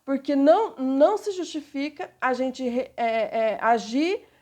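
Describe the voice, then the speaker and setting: A woman's voice: high-pitched, lively intonation, a little slow, mellow. A woman pastor with a Brazilian Portuguese accent, reading passages from a book and teaching on them in a conversational way, often checking in with her listeners. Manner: conversational, frequent tag questions.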